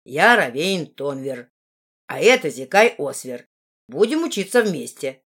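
Storybook role: a woman reading a steady young half-dwarf lad, pitched low, matter-of-fact. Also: a little slow, husky, heavily acted. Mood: calm. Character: calm young male half-dwarf student.

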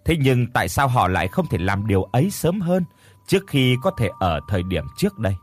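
A man's voice: medium pitch, big pitch swings, fairly quick. A man narrating a first-person audio story in a bitter, scornful tone.

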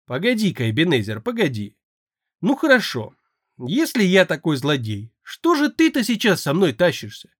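A man's voice: on the high side, wildly swooping pitch, moderate pace, dry recording, voice pushed up. A man voicing a hardened male necromancer who speaks in a dry, sardonic, reasoning way, in an audiobook. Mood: wry.

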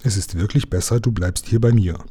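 A man reading a storybook aloud, voicing a gentle but strict emperor speaking calmly to his daughter. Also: lowish voice, a little fast, breathy edge.

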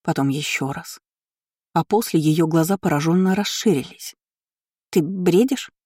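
Brief: measured novel narrator, mellow dark timbre, dry close recording. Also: mid-range voice, no echo. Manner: even, measured storytelling. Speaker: audiobook narrator. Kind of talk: scripted narration.

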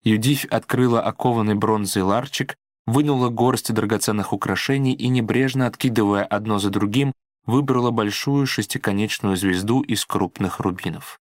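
Male audiobook reader, low voice, dry sound, dramatic. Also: dry recording. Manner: measured, dramatic reading. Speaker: narrator. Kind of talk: audiobook narration.

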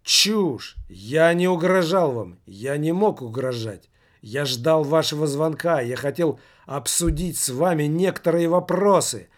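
A man voicing an irritable male company director who exclaims and reproaches in drawn-out, indignant lines. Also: a little high, expressive, darkish tone.

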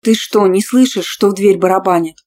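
A woman's voice: mid-range voice, a little fast, lightly acted. A woman voicing a young female student who answers back sharply and defiantly. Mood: indignant. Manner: sharp, defiant, easily outraged.

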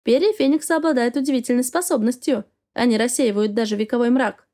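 Woman narrating a calm, enigmatic female guardian, measured, mellow and high. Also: natural voice. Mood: cryptic.

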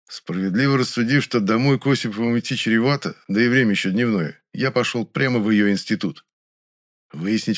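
Man, low voice, first-person audiobook narration, even, matter-of-fact. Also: dry recording, clean studio sound.

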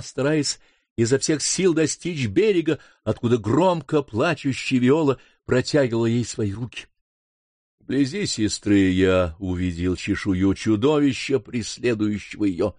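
A man's voice: mid-range voice, no room sound. Man narrating an adventure audiobook. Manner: steady storytelling. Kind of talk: first-person adventure novel reading.

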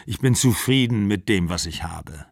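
A man reading the lines of a guarded, defensive aging man who talks in a calm, polite way. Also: on the low side, moderate pace, vocal fry, no echo, studio quality.

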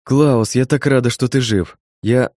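A man voicing a shrill, hysterical middle-aged woman, the owner of a dog, in an audiobook. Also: measured pace, a little mellow, no echo, studio quality, lightly acted. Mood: overjoyed. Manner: shrill, screeching. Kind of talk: audiobook character voice.

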